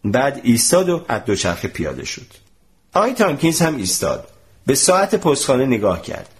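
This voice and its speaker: A man narrating a translated storybook in an expressive, animated reading voice. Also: medium pitch.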